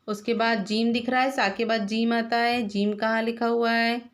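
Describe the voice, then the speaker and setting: A woman's voice: a little high, little pitch movement, moderate pace. A woman teacher patiently spelling out letters one by one for young children and quizzing them as she goes. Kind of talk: slow classroom lesson.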